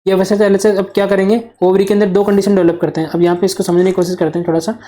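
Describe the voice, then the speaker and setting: Mellow-voiced tutor quizzing and answering himself. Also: male voice, sits high, little pitch movement, very fast. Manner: poses questions and answers them himself, repeats key terms. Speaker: nursing exam tutor. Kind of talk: explanatory whiteboard lecture.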